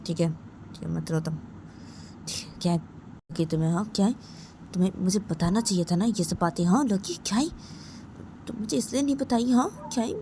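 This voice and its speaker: A woman's voice: mid-range voice, darkish tone, a little hiss or hum, close to an everyday voice. A woman voicing a protective young man who questions his partner insistently and tells her not to cry. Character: protective young man, stern then consoling.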